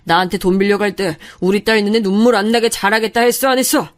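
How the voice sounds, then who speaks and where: A woman's voice: medium pitch, steady tone, fast talker, lightly acted. A woman voicing a furious older father who confronts his daughter's in-laws in a narrated story. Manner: stern, confronting.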